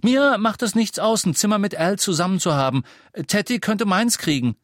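A man voicing an excited, breathless schoolboy who blurts out gossip. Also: medium pitch, normal speed, no echo, clean studio sound, pitched above the performer's own voice, lightly acted. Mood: eager. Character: excited boy James, loud, breathless, boastful.

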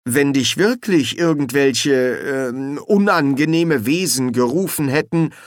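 A man's voice: mid-range voice, slow pace, no echo, clean studio sound, pitched above the performer's own voice, close to an everyday voice. Male reader as a casual, hesitant young guy with a stammer.

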